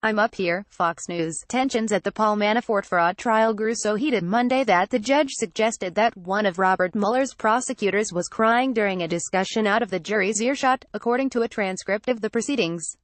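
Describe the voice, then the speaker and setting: A woman narrating a news roundup in a steady, scripted read-aloud delivery. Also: medium pitch, moderate pace, few pauses, no echo.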